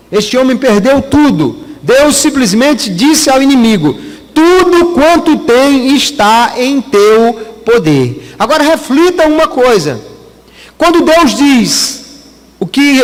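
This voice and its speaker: A man with a Brazilian Portuguese accent, a pastor preaching a teaching sermon to his congregation in a church. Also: very high-pitched. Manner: teaching, addresses congregation as brothers. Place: church hall. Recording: long church hall reverb.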